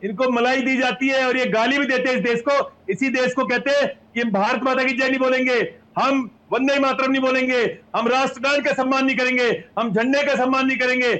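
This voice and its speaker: A man arguing loudly and repetitively as a panelist in a heated TV news debate. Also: very high voice, steady tone, a little fast, poor audio. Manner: shouting, repetitive, combative.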